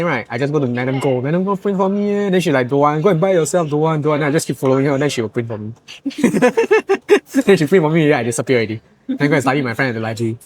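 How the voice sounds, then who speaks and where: A man with a Singaporean English accent, a tutor hosting a casual chat over a meal, telling stories in a chatty way and laughing often. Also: medium pitch. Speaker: tutor and channel host. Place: buffet restaurant. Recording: loud restaurant crowd chatter. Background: diners talking.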